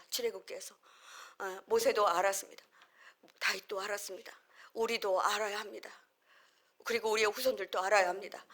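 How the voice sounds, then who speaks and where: A middle-aged woman pastor preaching at an average pitch in an earnest, conversational way. She draws on everyday family stories. When she acts out a quoted line, her voice jumps up in pitch and loudness. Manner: acts out short quoted lines with sudden rises in pitch and volume. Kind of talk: sermon.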